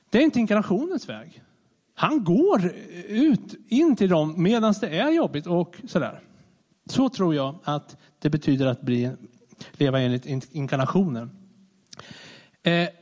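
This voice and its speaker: A man preaching a sermon in a conversational, animated way, often restarting his sentences. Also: sits high. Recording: long reverb of a large hall.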